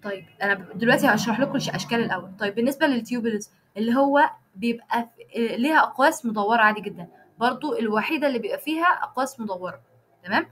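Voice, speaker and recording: A woman's voice: a little high, rapid-fire, a bit bright, slight background noise. A young woman with an Egyptian Arabic accent teaching a live online programming class. She explains each step, often stops to check that students follow, and corrects herself mid-sentence as she types. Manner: frequent restarts and self-corrections while typing code. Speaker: programming instructor. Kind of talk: live online coding lesson.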